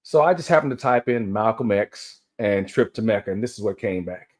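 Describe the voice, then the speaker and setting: A man's voice: on the low side, animated, brisk. Man with aligner braces, slightly impeded speech. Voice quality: slightly impeded articulation from wearing dental aligners. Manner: stumbles over words and corrects himself. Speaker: commentary host. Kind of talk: casual spoken commentary, reading aloud from articles.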